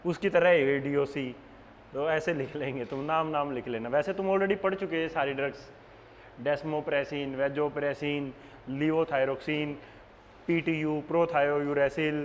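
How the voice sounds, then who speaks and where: A man's voice: fairly high pitch, steady tone, slow pace. A young man with a Haryanvi accent teaching a nursing exam class in a casual, joking manner. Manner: joking, chatty, addresses students as beta. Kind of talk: classroom lecture with casual banter. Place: classroom with online students. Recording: classroom with long reverb and faint background noise.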